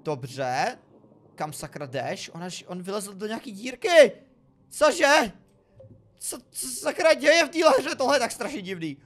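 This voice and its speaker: A man giving excitable, exclamatory let's play commentary while talking to his viewers. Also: sits high. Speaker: gaming video creator. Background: faint background music.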